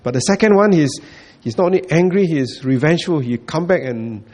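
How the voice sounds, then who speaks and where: A man's voice: on the high side, animated, a little fast, darkish tone. A man giving a Buddhist dharma talk, repeating points, checking in with listeners and chuckling often. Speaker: Buddhist teacher.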